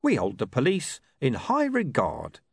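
Casting: male reader doing a calm, sly crook, clipped, lifted pitch, lively inflection, close dry sound. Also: unhurried, gravelly, husky, dry recording, exaggerated voice.

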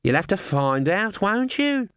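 A man voicing a chatty, excitable male raven that squawks and gossips in a storybook reading. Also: high voice, unhurried, clear, resonant tone, voice pushed up, exaggerated voice.

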